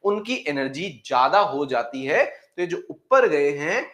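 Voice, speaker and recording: A male chemistry teacher with a slightly high, very animated voice that swoops up and down as he lectures. He keeps repeating key phrases and answering his own questions, and calls his students "beta". The sound is echoey, as if from a bare classroom. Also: unhurried. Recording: echoey room.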